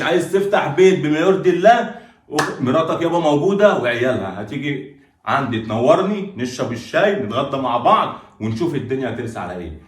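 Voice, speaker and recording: A man as a lecturing Egyptian older brother, rapid and insistent, roomy sound. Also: fairly high pitch, natural voice. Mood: firm. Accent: Egyptian Arabic. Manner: lecturing, insistent, repeats "tamam?". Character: stern older brother defending his sister. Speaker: actor in a skit. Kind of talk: sketch acting.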